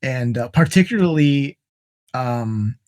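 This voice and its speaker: A man's voice: mid-range voice, lively intonation, takes it slowly, a little mellow. Joking male podcast host. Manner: joking, laughs often. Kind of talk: casual podcast chat. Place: home in Massachusetts.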